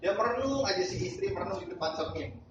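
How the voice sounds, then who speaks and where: High-voiced pastor preaching in an echoey hall. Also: male voice, quick pace. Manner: animated storytelling, acting out characters in raised voices. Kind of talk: sermon. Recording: distant, echoey hall, muffled, noisy.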